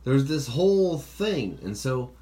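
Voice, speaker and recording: In a loose podcast conversation, this host swears a lot, wanders off topic, and performs the voices he's quoting. He speaks slowly in a mellow, mid-range voice that's very animated. Birds chirp outside over faint background noise.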